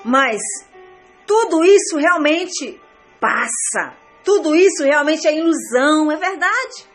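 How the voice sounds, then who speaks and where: A woman's voice: high-pitched, expressive, slow pace, a bit bright, faint music behind. A woman pastor with a Brazilian Portuguese accent, preaching a sermon earnestly, repeating phrases and calling her listeners beloved.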